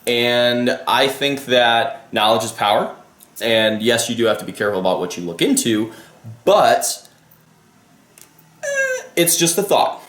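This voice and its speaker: A man's voice: mid-range voice, huge pitch swings, measured pace, pauses often, fairly bright tone, echoey room. A man vlogging his musings in a casual, rambling way, often losing his thread, restarting and swearing casually. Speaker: vlogger and life coach. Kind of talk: casual spoken musing to camera.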